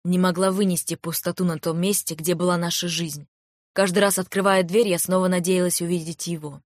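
A woman reading a first-person novel aloud in a calm, even storytelling manner, close to a studio microphone. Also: on the low side, brisk, no room sound. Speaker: audiobook narrator. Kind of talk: first-person audiobook narration.

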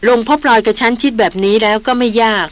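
A woman voicing a calm, loyal young male jungle tracker, speaking politely in a Thai audiobook novel. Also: a little high, quick pace, natural voice. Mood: earnest.

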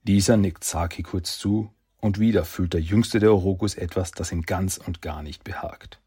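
A man reading a story aloud in a measured, quiet narrating voice. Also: low voice, breathy edge.

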